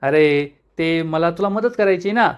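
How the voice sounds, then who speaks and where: A man's voice: on the high side, a little slow, smooth, lightly acted. A man voicing a cheeky young man who jokes and dodges questions. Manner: playful, evasive banter.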